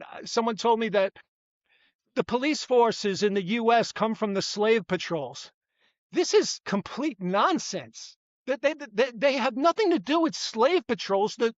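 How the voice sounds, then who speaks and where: A man's voice: sits high, fairly bright tone, no room sound, muffled recording. An older man, a retired police detective, talking as an interview guest in a rambling, self-correcting way. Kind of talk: conversational interview.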